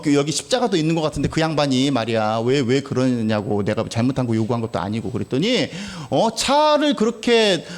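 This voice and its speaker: A male pastor preaching a sermon in a conversational, storytelling way, full of rhetorical questions. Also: high-pitched.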